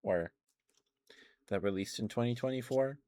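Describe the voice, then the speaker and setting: A man live-streaming ASMR chats casually into a close microphone, rambling and hesitating as he talks to his viewers. His voice is medium in pitch with a dark tone, and he keeps a moderate pace.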